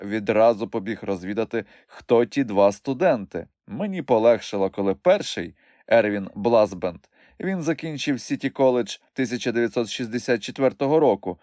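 A man reading a novel aloud as a first-person audiobook narrator, in an expressive, animated way. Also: mid-range voice, dry recording, clean studio sound.

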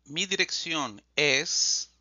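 A man teaching a language lesson, reading phrases slowly and deliberately and repeating them for learners. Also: fairly high pitch, animated, pushed and bright, no echo, dull audio. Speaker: Spanish teacher. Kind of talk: slow scripted language lesson.

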